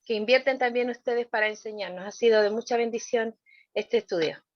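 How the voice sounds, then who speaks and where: A woman's voice: a little high, a little fast, no echo. A Chilean woman, a student, politely introducing herself on a video call and thanking the teachers. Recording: dry, dull lo-fi call audio.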